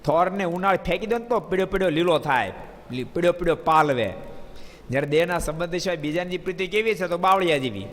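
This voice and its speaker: Male preacher, fairly high voice, animated sermon delivery, recorded in a reverberant hall. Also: a little fast. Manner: animated, addresses listeners by name, rising emphatic bursts. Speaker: swami preacher. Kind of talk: devotional sermon with storytelling.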